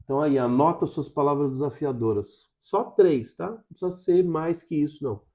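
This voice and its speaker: A man's voice: on the high side, brisk, dark tone. A Brazilian man teaching an English lesson straight to the camera, coaching viewers step by step and checking in with a constant "tá?". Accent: Brazilian Portuguese.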